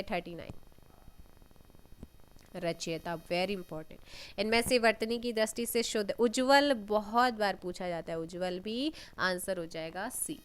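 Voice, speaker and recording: A woman teaching an exam-prep lesson, reading out questions and giving answers, often clearing her throat. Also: medium pitch, a bit bright. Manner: unhurried, reads questions then gives answers, frequent throat clearing.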